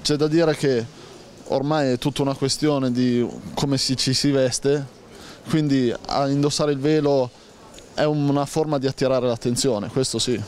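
A man's voice: mid-range voice, steady tone, unhurried, a little mellow. A man in his twenties answering casually into a handheld mic on a town street. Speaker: street interviewee. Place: outdoors on a town street by a shop awning. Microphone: handheld interviewer mic.

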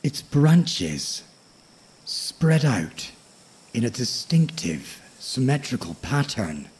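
Guy doing sleepy nature documentary narration, super breathy n husky, real slow and soothing, mellow. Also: mid-range voice. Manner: tranquil, soothing, measured, with frequent pauses. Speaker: host of a sleep story podcast.

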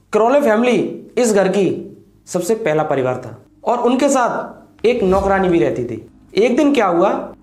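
Male host, 20s, dramatic ghost-story teller, very expressive pitch, roomy small-room sound. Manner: dramatic, drops low on ominous lines, hand gestures. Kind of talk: animated horror storytelling to camera. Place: small indoor room with cloth backdrop. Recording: echoey room, faint background music.

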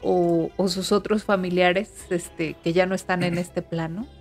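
A woman's voice: lowish voice, fairly even intonation, unhurried, darkish tone, soft background music. A woman, co-hosting a podcast, chatting and offering thoughtful theories. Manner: reacts with short interjections and musing theories. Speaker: podcast co-host. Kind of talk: casual chat.

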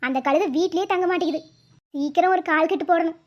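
A fretful middle-aged village mother in a cartoon, scolding in a very high voice. The sound is slightly dull and lo-fi. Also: fairly even intonation, quick pace. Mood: fretting. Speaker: mother and wife.

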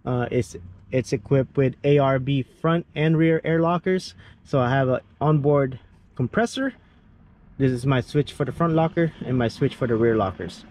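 A vehicle builder shows off his truck outdoors, standing next to it as he rambles casually with lots of fillers and restarts. His mid-range voice is darkish and moves at a moderate pace, and faint outdoor noise can be heard.

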